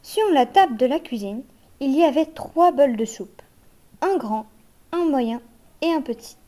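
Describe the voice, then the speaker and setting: A woman reading a children's fairy tale aloud in a gentle, measured way. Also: high voice, expressive. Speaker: narrator.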